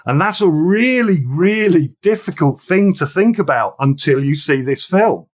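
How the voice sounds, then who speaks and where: A man's voice: a little high, animated, unhurried. A man talking through a film in a casual discussion, earnest and reflective, sometimes reading passages aloud.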